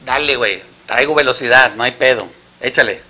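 A man's voice: mid-range voice, fairly quick, pushed and bright. A man with a Mexican Spanish accent telling crude jokes in a casual storytelling style, acting out each character in his story. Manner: crude slang, acts out every character.

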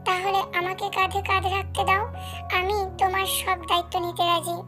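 A man's voice: very high-pitched, completely flat delivery, fairly quick, music in the background. A woman voicing a young man in love, tender and pleading.

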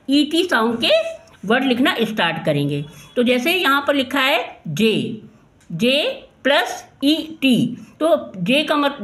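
A woman teacher, slowly sounding out letters and asking questions in a phonics lesson for children. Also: high-pitched, fairly bright tone.

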